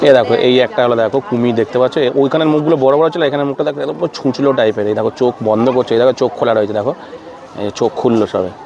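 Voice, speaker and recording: A man with a Bengali accent talks fast as he walks through a zoo, pointing things out again and again in a casual tour. His voice sits at an ordinary middle pitch. A busy crowd murmurs around him outdoors. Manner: points things out constantly, repeats "look here". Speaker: vlogger touring a zoo. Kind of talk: casual walking-tour commentary. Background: crowd and animal sounds.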